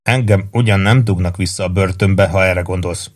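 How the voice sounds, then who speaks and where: A man's voice: low voice, fairly even intonation. A man reading the lines of a stubborn, wary male army deserter in a novel. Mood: insistent. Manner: insistent, defensive.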